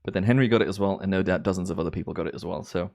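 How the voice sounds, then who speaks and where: A Belgian man in his thirties hosts a timelapse livestream, giving relaxed, chatty commentary with drawn-out, cheerful exclamations. His Belgian accent carries American and Australian influences, and his voice is low-pitched and darkish with vocal fry.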